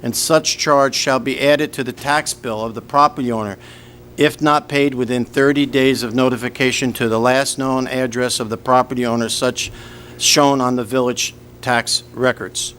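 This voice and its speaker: A man with a mid-pitched voice chairs a local board meeting. He speaks formally, as if working through official resolutions and procedure. There is faint noise in the recording. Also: steady tone, normal speed, fairly bright tone. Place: indoor village board meeting. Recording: noisy public meeting room recording.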